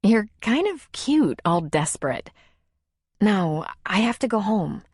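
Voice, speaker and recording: A woman narrator voicing an independent single mother, gentle and teasing. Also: mid-range voice, sing-song, slow, slightly rough, no echo, studio quality, exaggerated voice. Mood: tender, teasing.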